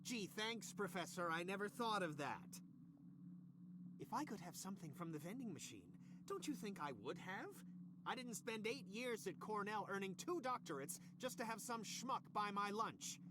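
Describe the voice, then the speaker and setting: A man's voice: sits high, expressive, normal speed, noisy background. An actor voicing an irritable middle-aged male scientist boss who snaps sarcastically and then apologizes. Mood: sarcastic.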